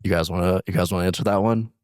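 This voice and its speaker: Deep voiced guy rambling all pleased with himself, comedy show banter, dry sound. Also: fairly even intonation, rapid-fire, darkish tone, no echo. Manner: self-satisfied, musing, rambling. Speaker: co-host of a comedy morning show.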